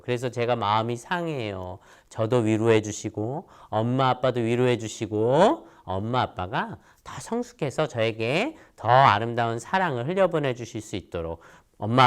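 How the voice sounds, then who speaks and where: A man in his thirties giving a children's sermon as a church pastor, animated and acting out little voices. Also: mid-range voice, smooth. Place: church, recorded for online worship video.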